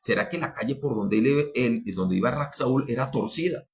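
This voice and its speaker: A man preaching a sermon, fervent, with sudden rises in pitch and loudness, repeating and restarting phrases as he speaks to his listeners. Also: animated, moderate pace, creaky. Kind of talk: podcast sermon.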